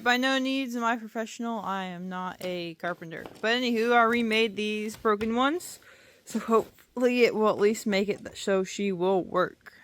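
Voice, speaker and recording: A woman's voice: mid-range voice, fairly bright tone. A woman chatting casually as she repairs an old organ, apologizing and explaining while she works one-handed with a phone. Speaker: antique restorer. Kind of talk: casual hands-on repair vlog. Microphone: phone held in one hand.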